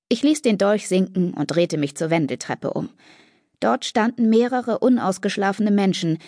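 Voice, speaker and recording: A woman narrating a first-person fantasy audiobook with steady, even-paced storytelling on a close studio mic. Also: on the low side, creaky, no room sound.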